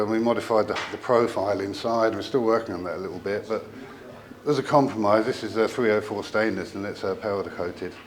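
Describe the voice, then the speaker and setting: A company representative gives a hesitant, informal explanation of a technical product, his fairly low voice halting and wandering into trailing asides.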